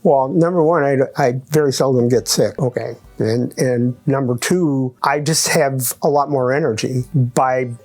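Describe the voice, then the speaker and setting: A man in his eighties giving a testimonial interview as a chiropractic patient. He talks haltingly with many restarts and lists his points by number. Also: medium pitch, a little mellow, soft background music. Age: 80s.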